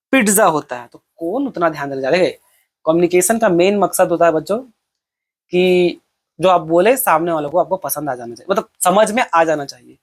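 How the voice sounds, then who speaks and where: A male teacher talks through an exam-prep lesson in a loose, conversational way. He keeps posing questions to the class and answering them himself. English technical terms run through his explanations. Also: high-pitched.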